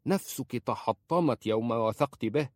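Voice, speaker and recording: A man's voice: medium pitch, animated, moderate pace, no room sound, lightly acted. A man voicing a stern, protective uncle who scolds sharply in a story reading. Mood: scolding.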